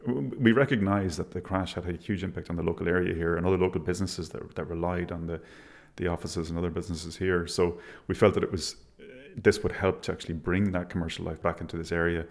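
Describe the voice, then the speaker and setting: Gravelly low-voiced man, west of Ireland accent. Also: fairly even intonation, fast talker, few pauses. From Galway, west of Ireland. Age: middle-aged. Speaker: interview guest, architect. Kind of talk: reflective interview talk.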